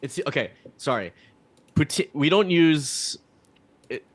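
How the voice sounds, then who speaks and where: A man's voice: a little high, expressive, takes it slowly. A man from New Jersey hosting a casual stream chat with friends, rambling with lots of fillers and restarts. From New Jersey, USA. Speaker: streamer host.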